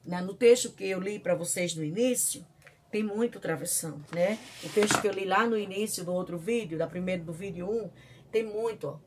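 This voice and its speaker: A woman teacher with a Brazilian Portuguese accent giving a recorded lesson, speaking slowly and often checking that her students follow. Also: fairly low pitch, a little mellow, husky. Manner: slow, drawn-out dictation with frequent checking questions. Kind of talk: recorded video lesson on punctuation.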